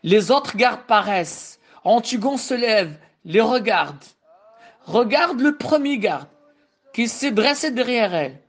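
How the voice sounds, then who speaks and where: A woman, a teacher reading a play aloud slowly and deliberately and explaining it as she goes. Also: fairly high pitch, expressive.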